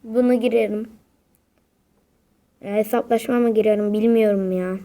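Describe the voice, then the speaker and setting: A woman's voice: mid-range voice, steady tone, moderate pace, dark tone. A young woman giving casual, dramatic commentary while playing a video game, often exasperated and repeating her exclamations. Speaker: gaming video creator.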